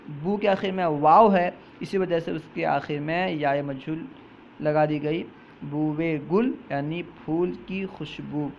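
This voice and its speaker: A man with a fairly high voice gives a grammar lesson. He reads each example slowly and repeats it before he explains it. The recording sounds dull and lo-fi, with a faint hiss underneath. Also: gravelly. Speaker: teacher.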